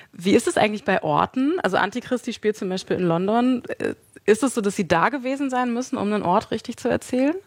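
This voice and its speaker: A woman radio host asking measured, friendly questions and announcing the program. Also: medium pitch, dry recording.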